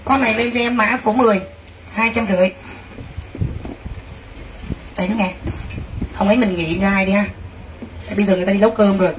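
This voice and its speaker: A woman's voice: mid-range voice, brisk, pauses often. Lady selling clothes live, gushy and talking to viewers, kinda far from mic with faint noise behind. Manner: excitable, gushing exclamations, addresses viewers directly. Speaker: livestream clothing seller.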